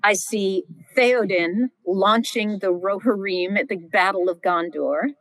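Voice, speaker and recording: Animated middle-aged woman scholar, dry sound. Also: mid-range voice, measured pace, no echo, rough recording. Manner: animated, vivid storyteller, exclaims often. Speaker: guest Old Testament scholar. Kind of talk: podcast interview, teaching.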